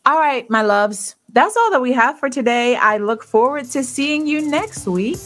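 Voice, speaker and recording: A woman's voice: sits high, lively intonation, moderate pace, a bit bright. Upbeat playful woman podcast host. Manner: playful, teasing, upbeat with frequent laughter. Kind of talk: warm casual podcast outro.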